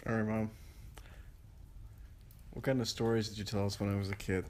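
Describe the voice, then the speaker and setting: A man's voice: fairly low pitch, flat delivery, normal speed, a little mellow. A man interviewing his mother, prompting her with short questions.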